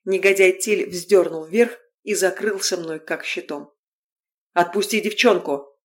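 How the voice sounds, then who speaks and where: A woman narrating a fantasy novel in the first person, telling it in a wry, lively way. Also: lowish voice, unhurried. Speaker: audiobook narrator.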